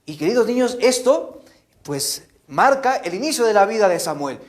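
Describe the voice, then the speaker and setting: A man telling a Bible story to children in an animated way, often checking in with them. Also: sits high, normal speed. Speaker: catechist.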